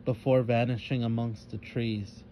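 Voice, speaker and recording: A man narrating a children's storybook in a measured, dramatic way. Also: mid-range voice, level tone, lo-fi sound, slight background noise. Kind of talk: storybook reading.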